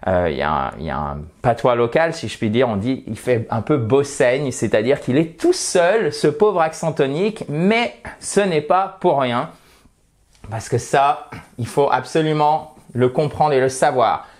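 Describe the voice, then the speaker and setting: A man's voice: mid-range voice, lively intonation, unhurried. A man from near Saint-Étienne with a French accent, teaching English pronunciation in a video lesson at a desk microphone, playfully exaggerating mispronunciations. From France, near Saint-Étienne.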